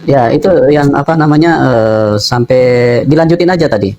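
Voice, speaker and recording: A male host giving the guest halting, calm directions about her microphone. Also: mid-range voice, highs cut off, a little hiss or hum.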